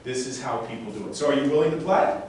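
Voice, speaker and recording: A man's voice: medium pitch, quick pace, a little mellow. A man performing as a mind reader on stage, intense and emphatic, repeating phrases and giving commands as he talks to a live audience. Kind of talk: live stage show, motivational talk with audience demonstration. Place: large echoey room before a live audience. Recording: very echoey room, distant mic, faint noise.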